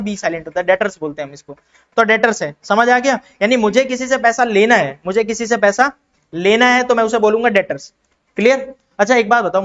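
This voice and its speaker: A man's voice: sits high, a bit bright, dull audio. A man from India teaching an accounting lesson, posing questions and answering them himself and repeating key terms. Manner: acts out quick exchanges in other voices. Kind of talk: classroom-style explanation with questions to students.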